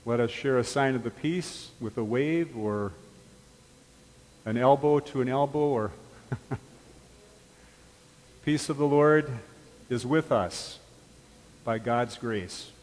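A man leading a church service as pastor, speaking calmly and measuredly through prayers and blessings. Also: medium pitch. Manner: calm, measured liturgical speech. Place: large church sanctuary. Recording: reverberant church from a distance.

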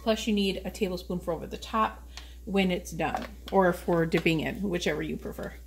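A woman's voice: on the low side, normal speed. A woman hosting a casual home cooking video, chatting while she works in her kitchen. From United States. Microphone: camera on a tripod. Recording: noisy home kitchen recording.

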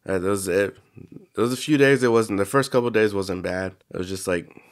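Congested young man with a low voice. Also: moderate pace. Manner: casual, swears freely, rambling with restarts. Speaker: podcast co-host. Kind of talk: casual chat.

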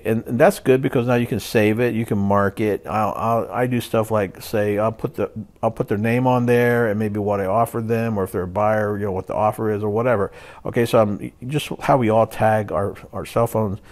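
A man's voice: medium pitch, a little mellow. A man walking through a phone system setup in a casual tutorial, often checking in with "okay" and "all right" and restarting phrases as he explains. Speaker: tutorial presenter. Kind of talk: casual screen-share tutorial.

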